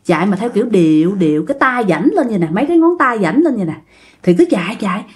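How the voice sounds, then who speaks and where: A woman's voice: medium pitch, big pitch swings, quick pace, darkish tone. A woman with a Southern Vietnamese Mekong Delta accent telling a ghost story in a chatty way, addressing her listeners directly.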